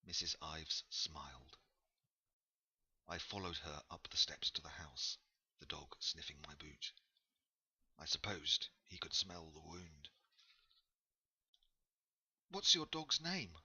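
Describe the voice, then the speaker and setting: A man narrating a novel in a measured, unhurried storytelling manner. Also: a bass voice, fairly even intonation, sharp tone, husky, dull audio. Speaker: audiobook narrator. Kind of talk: scripted narration.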